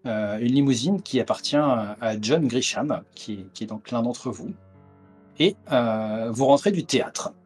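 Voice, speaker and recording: A man's voice: mid-range voice, unhurried, darkish tone, husky, faint music behind. A man narrating a tabletop horror game as game master over a video call, with many hesitant fillers. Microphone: headset on a video call.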